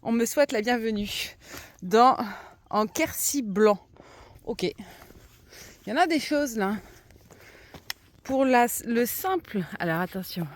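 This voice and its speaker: A woman's voice: fairly high pitch, lively intonation, slow, long pauses. A woman with a slight lisp musing aloud in a casual vlog, talking to herself and viewers as she walks outdoors. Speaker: hiker vlogging her walk. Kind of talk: casual spoken vlog while walking. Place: outdoors on a country trail. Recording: clear background noise, outdoor walk.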